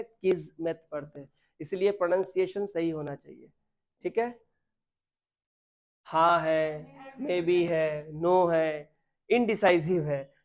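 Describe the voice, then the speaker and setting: Male vocab teacher, classroom lesson, quizzing, checks in constantly, spells words out. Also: fairly high pitch. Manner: quizzing, checks understanding often; mixes English terms into Hindi speech.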